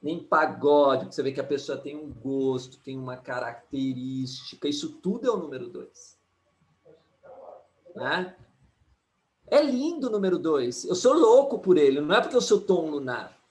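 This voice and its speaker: A man, an astrologer and numerologist, giving an animated live talk and often tagging his points with "né?". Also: a little high, normal speed. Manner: animated, keeps asking "né?", acts out quotes. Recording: echoey room.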